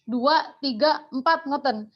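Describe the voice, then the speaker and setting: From the audience, a woman with a Javanese Indonesian accent asks a casual question, rambling and mixing in Javanese words. Her voice is high and slow, and being off-mic gives it a dull, lo-fi quality.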